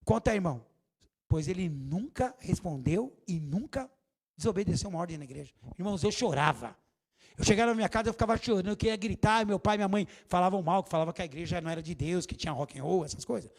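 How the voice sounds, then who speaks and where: Animated high-voiced man preaching. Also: fast talker. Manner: animated, theatrical preaching with acted quotes. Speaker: bishop. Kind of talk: sermon. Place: church.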